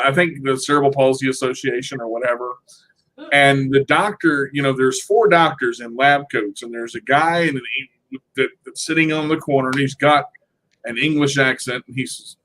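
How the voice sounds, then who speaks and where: A man telling stories in a casual conversation, animated and often repeating his words as he gets going. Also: medium pitch, slight background noise. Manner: animated storyteller, repeats words when starting. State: uses a wheelchair.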